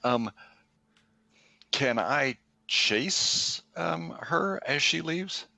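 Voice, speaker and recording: A man's voice: on the high side, expressive, bright, forceful tone, no echo. A man playing a tabletop game, asking about the rules as he goes. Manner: gravelly, slow, questioning rules. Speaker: player.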